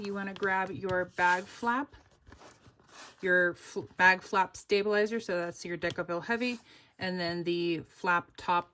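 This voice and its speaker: Slightly low and a bit bright, this young woman's voice carries faint background noise as she teaches a sewing pattern tutorial. She's a pattern designer, casually guiding viewers step by step, upbeat and chatty with lots of "like" and "oop".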